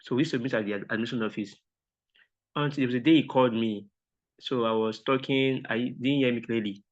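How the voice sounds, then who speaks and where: Over a video call, a mentorship participant, a native Yoruba speaker, offers a polite, hesitant reflection, often restarting. He talks briskly at medium pitch, and the online call audio sounds dull and lo-fi.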